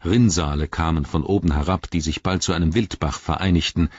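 A man narrating an audiobook in a measured, dramatic storytelling manner. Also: rumbling low, breathy edge, dry recording, highs cut off. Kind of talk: scripted narration.

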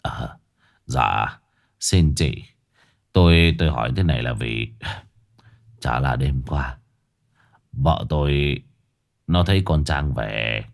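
A man's voice: takes it slowly, gravelly, long pauses, heavily acted. A man voicing an anxious older village man who speaks hesitantly and stammers. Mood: worried. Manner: hesitant, stammering, low and hushed.

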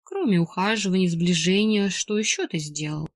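A woman's voice: on the low side, moderate pace, no echo, studio quality. Figure: a woman voicing a teasing older father. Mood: amused.

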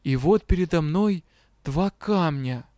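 A man's voice: a little high, slow pace, no room sound. Man narrating an audiobook, dry sound. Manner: steady storytelling read. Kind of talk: scripted narration.

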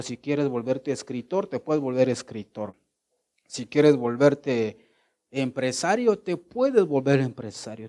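Male preacher, devotional sermon, mid-range pitch, asks and answers his own questions, loud then hushed. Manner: asks the listener questions and answers them himself; swings between loud exclamations and low, hushed phrases.

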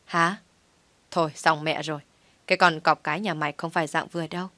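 A fretful young office buddy, read by a woman, chattering fast in a low voice. The sound is dry and close, from a storybook reading. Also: steady tone, pushed and bright, no echo. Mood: consoling. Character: young man, worried loyal office friend.

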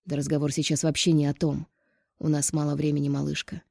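A woman voicing a gentle, guilty man who speaks in a hushed, hoarse near-whisper. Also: sits low, completely flat delivery, a little fast, no room sound, clean studio sound. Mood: soothing.

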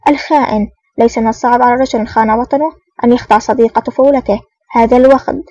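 A woman reads a cunning male spy in a storybook reading, feigning outrage with quick, exclaiming lines. The voice is high, breathy and fast. It sounds dull and distant on a dry recording. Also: fairly even intonation, dark tone, no echo, close to an everyday voice. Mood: feigned outrage. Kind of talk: audiobook reading.

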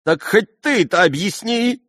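A man's voice: high-pitched, lively intonation, unhurried, fairly bright tone, no echo, studio quality, pitched above the performer's own voice, heavily acted. A man voicing a flustered middle-aged general and father in an audiobook who stammers and pleads.

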